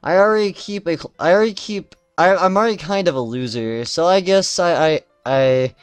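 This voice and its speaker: Man voicing a teen girl from a game, prickly, defensive, snappy, pitched high, dry sound, faint music. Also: fairly quick, clear, resonant tone, dry recording, lightly acted. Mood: annoyed.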